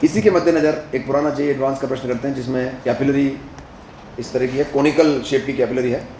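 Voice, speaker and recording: A man's voice: mid-range voice, fairly even intonation, a little fast, a little mellow, roomy sound, slight background noise, low-quality recording. A male physics teacher lecturing at a board, asking the class questions as he works through each step and mixing Hindi with English terms.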